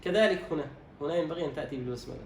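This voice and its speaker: A man teaching Quran recitation, quizzing his student and drawing out words slowly to demonstrate them. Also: a little high. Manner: instructive, quizzes and demonstrates slow drawn-out words. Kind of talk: recitation lesson, correcting a student. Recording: roomy echo, distant mic, faint noise.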